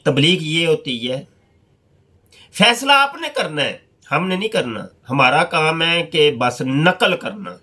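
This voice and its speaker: A man's voice: on the high side, sing-song, takes it slowly, bright, forceful tone. A male religious scholar reads out an anecdote and then comments on it, stressing his points by repeating them. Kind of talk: polemical religious talk.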